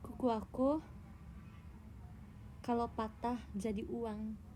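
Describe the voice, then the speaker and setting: Livestreaming from her phone, a young Indonesian idol teases her viewers and tells tall tales in a playful, casual way. She speaks slowly in a steady, dark voice on the high side, with slight background noise.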